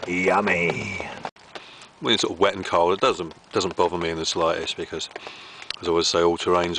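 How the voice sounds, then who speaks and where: A man's voice: low voice, background noise. A man chatting casually while cooking on a small stove under a tarp in rainy woods at night, rambling cheerfully. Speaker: outdoor cooking vlogger. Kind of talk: casual camp cooking commentary.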